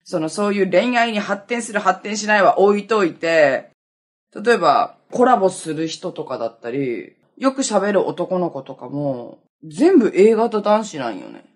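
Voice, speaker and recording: A woman's voice: fairly low pitch, expressive, a little slow. A young woman in her twenties hosting a casual solo podcast, chatty and self-mocking, laughing often as she talks. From Okinawa, Japan. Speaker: podcast host.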